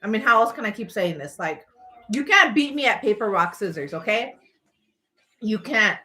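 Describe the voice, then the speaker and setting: A woman chats casually to her livestream viewers in a medium-pitched voice. Her delivery is animated and playful, wandering through personal stories. She leans on key phrases for emphasis as she rambles along. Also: normal speed. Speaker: livestream host.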